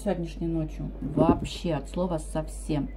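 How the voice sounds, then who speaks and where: A woman with a lowish voice talks lazily around a mouthful of food, chewing as she goes. She sounds drowsy and unhurried, like an eating vlogger chatting to the camera. Loud noise runs under her voice the whole time. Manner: sleepy, relaxed chatting between bites. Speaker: mukbang vlogger. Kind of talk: casual eating vlog chat.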